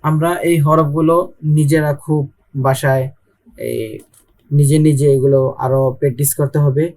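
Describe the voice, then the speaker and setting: A man's voice: on the high side, level tone, moderate pace, warm tone. A young man with a Bangladeshi Bengali accent teaching Arabic letters in an online Quran lesson, patiently repeating and drilling each sound.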